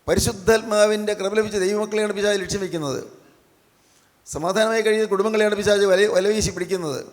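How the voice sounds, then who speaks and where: A man preaching a sermon, repeating his phrases and asking the listeners question after question. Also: high voice. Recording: echoey hall with long reverb.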